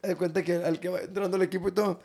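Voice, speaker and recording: A man's voice: sits high, little pitch movement, racing, creaky, a little mellow. A man, hosting a podcast and telling crude, slangy stories full of laughter. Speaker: podcast host. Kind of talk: casual chat.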